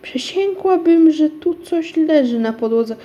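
A woman voicing a brisk, bossy aunt in a storybook reading. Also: high voice, animated, warm tone, highs cut off, voice pushed up. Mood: suspicious. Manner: calling, bossy, muttering. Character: fussy bustling aunt, older woman, brisk.

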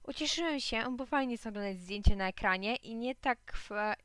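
A woman narrating a children's story in a lively, playful way. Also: on the high side, moderate pace, smooth, no room sound. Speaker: audiobook narrator.

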